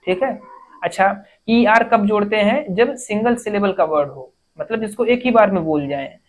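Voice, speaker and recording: Woman, grammar teacher, exam-prep lesson, step-by-step explaining, self-answered questions, slow careful reading. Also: mid-range voice, a little hiss or hum. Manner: reads English sentences slowly, word by word.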